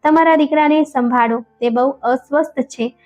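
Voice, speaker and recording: A woman's voice: sits high, normal speed, darkish tone, close to an everyday voice. A woman doing a worried hospital nurse. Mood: anxious. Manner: urgent, anxious questions. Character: worried female hospital nurse, middle-aged. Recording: dull lo-fi with faint music.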